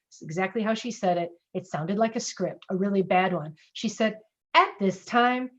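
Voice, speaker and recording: A middle-aged woman teaching customer service in a casual webinar, lively and conversational, acting out sample lines. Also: medium pitch, lo-fi sound. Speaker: speaker and customer service trainer.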